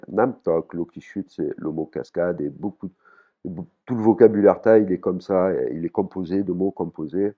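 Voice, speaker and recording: Man, very deep voice, casual lesson, hesitant with restarts, muffled lo-fi sound. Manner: relaxed, repeats words, many fillers and restarts. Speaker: Thai language teacher.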